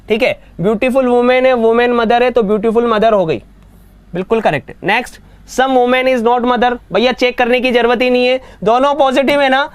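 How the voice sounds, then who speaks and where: A man teaching an online reasoning class, often asking whether students have understood and reading statements out slowly. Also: extremely high pitch, clear, resonant tone, no echo. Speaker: exam coaching teacher.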